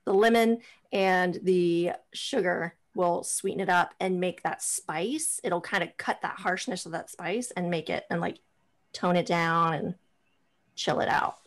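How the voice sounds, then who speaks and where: A woman's voice: fairly low pitch, measured pace. A woman co-hosting a casual podcast, leading a whiskey tasting and talking in a loose, chatty way full of "like" and restarts. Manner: chatty, lots of "like" and restarts while describing flavors. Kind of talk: casual chat.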